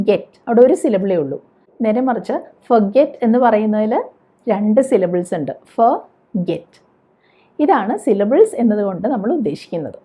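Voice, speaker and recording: A woman with a husky, fairly high voice teaches spelling. Her pitch rises and falls a lot, and she spells words out letter by letter. The recording sounds dull and lo-fi. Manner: asks the viewer questions. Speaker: spoken English teacher. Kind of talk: explanatory teaching.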